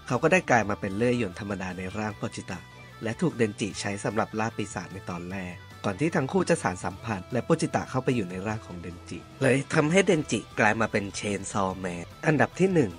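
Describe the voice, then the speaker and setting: A man giving scripted voice-over narration, reading out a ranked list in a steady, informative way. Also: on the low side, quick pace, soft background music. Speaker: channel host.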